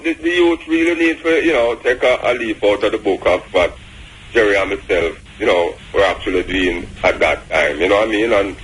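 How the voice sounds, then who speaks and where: A man's voice: on the low side, fairly quick, a bit bright, breathy edge, poor audio. An older man answering conversationally as a radio guest.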